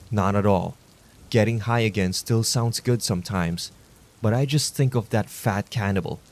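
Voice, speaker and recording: A man narrates horror stories at a measured, low-key pace, meant to lull listeners to sleep. His voice sits low and steady. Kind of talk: calm scripted sleep-story narration.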